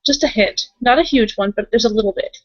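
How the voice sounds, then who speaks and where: Here a game master with a husky, fairly high voice talks fast while she narrates and plays characters at the table. Her improvised roleplay is casual and blunt, captured on a dull lo-fi recording.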